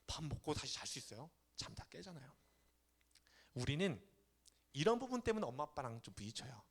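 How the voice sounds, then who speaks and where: A man's voice: a little high, fairly quick, husky. A young man, a youth pastor, preaching casually to teenagers and acting out quoted parents and kids. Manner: animated, acts out parents and teens in quoted voices. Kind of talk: sermon to teenagers. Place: church sanctuary.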